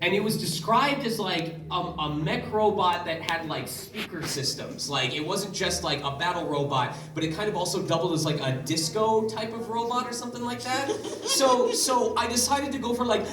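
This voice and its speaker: A man on a convention panel telling a story in an animated, laughing way, casually swearing. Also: high voice, moderate pace. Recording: echoey hall, mic at a distance, crowd noise.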